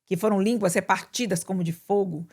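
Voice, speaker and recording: A woman pastor with a Brazilian Portuguese accent, preaching in conversation with emphatic, animated delivery. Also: mid-range voice, fairly quick. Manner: animated, bursts into emphatic quoted prayers.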